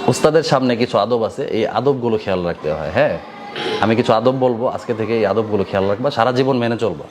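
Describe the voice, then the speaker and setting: A male madrasa teacher speaks in colloquial Bangladeshi Bengali as he gives his students a moral lesson. He checks their attention by turning each point into a question for them to answer. Steady noise hums under his voice throughout. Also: lowish voice, quick pace. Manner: quizzes listeners with repeated rhetorical questions.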